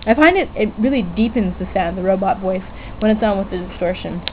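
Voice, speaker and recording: Faint music plays behind a fairly quick, mid-range female voice as a hobbyist demonstrates DIY electronics without a script. She's chatty and hesitant, correcting herself as she goes, in tinny lo-fi webcam-era audio with background noise.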